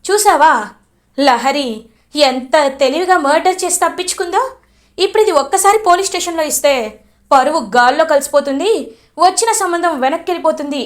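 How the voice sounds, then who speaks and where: A woman's voice: extremely high pitch, a little fast, pauses often. Gloating blackmailer, as a woman puts him on. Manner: gloating, threatening. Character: scheming male villain blackmailing a woman.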